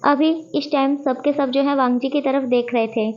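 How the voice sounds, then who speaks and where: A woman narrates a fanfiction story in a casual, chatty way and often slips into the characters' dialogue. Her voice sits high. The recording sounds slightly dull and lo-fi. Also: flat delivery, moderate pace, darkish tone.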